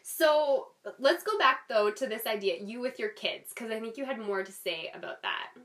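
A woman's voice: fairly high pitch, lively intonation, normal speed, a bit bright, distant mic. Woman podcaster with whistling S sounds. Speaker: podcast host. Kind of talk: casual podcast conversation.

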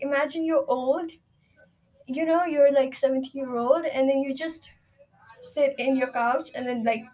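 A woman's voice: high voice, darkish tone. A teenage girl talking casually into a recording, rambling and reflective with lots of fillers. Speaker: student.

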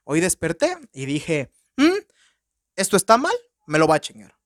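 A cold, protective killer doll who speaks bluntly and crudely, as a man with a Mexican Spanish accent puts her on. The delivery is deadpan and slowed, with a dry, close sound. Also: fairly high pitch, no echo, voice pushed down.

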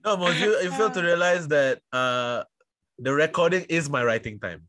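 A man's voice: a little high, animated, moderate pace, pushed and bright. A man from Singapore hosting a podcast with friends, joking loosely and often restarting his sentences. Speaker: podcast host and comedian. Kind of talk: casual podcast banter.

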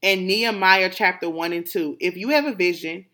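A woman's voice: on the low side, normal speed, bright, forceful tone. A woman hosting her podcast, speaking in casual motivational chat with emphatic, preachy affirmations. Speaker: podcast host.

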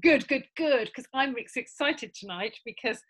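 High, bright-voiced British woman. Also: normal speed, breathy edge. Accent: British English. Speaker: podcast co-host. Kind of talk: casual chat.

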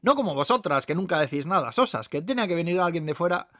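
A loud, high, chatty bar waitress, as a man puts her on with a Peninsular Spanish accent. She talks fast and bubbly, cheerfully putting herself down. The sound is dry and close. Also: animated, no echo. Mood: delighted. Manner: loud, fast, self-deprecating, keeps saying eh. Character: chatty effusive waitress woman in a seaside bar.

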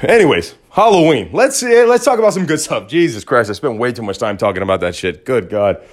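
A man hosting a podcast, talking in a rambling, joking casual monologue with big swings in pitch. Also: very animated, brisk. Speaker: podcast host.

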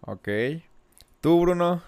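A man's voice: high-pitched, lively intonation, very slow, darkish tone, smooth, no room sound, clean studio sound. A young Mexican man hosting a casual quiz among friends, teasing them and adding sing-song sound effects. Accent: Mexican Spanish. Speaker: quiz host.

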